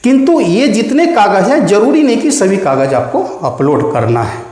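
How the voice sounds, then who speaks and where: A man's voice: high-pitched, sing-song, normal speed, a little mellow. A man explaining an online application process step by step, addressing viewers as friends. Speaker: explainer of online land-record services. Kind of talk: spoken tutorial. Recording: very echoey room with long reverb.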